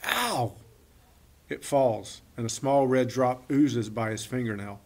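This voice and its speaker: A man giving an expressive storybook narration in the first person. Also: mid-range voice, unhurried. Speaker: audiobook reader.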